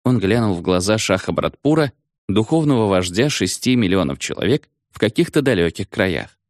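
Expressive low-voiced male narrator. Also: moderate pace, dry recording, studio quality. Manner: expressive, animated storytelling. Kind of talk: scripted audiobook narration.

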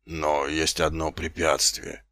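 Man voicing a timid middle-aged sergeant, very deep, slow, hesitant, grumbling, dry close audiobook sound. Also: level tone, fairly bright tone, dry recording, heavily acted.

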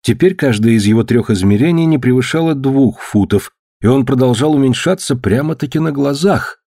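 A man reads a story aloud in a steady, measured narration. His voice sits at a middle pitch. The recording is dry and close, with no room sound. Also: no echo. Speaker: audiobook narrator. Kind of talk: scripted narration.

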